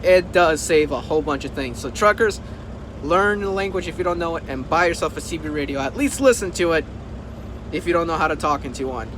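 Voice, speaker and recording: Speaking a little fast and with animation, this man's slightly high voice carries a casual vlog aimed at the camera. He's a trucker and video host who stresses his points and keeps repeating them over a noisy backdrop of vehicles and outdoors.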